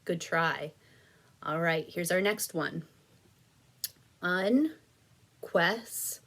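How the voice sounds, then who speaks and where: A woman teacher giving a recorded reading lesson to young children, with slow, clear prompts and patient praise. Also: low-pitched, fairly even intonation, pushed and bright.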